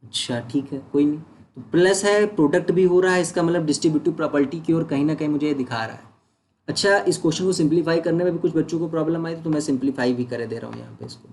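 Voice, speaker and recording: Man teaching maths, slightly high voice. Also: quick pace, darkish tone, slight background noise. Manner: explains step by step, asks and answers his own questions; mixes English words into Hindi. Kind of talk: online doubt-solving lesson.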